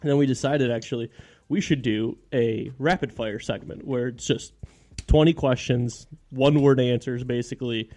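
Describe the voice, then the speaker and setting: A man's voice: medium pitch, normal speed, darkish tone. A man from Michigan hosting a casual podcast from his basement, laughing often and bantering with his guest. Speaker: podcast host. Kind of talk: casual chat. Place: home basement. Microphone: studio microphone.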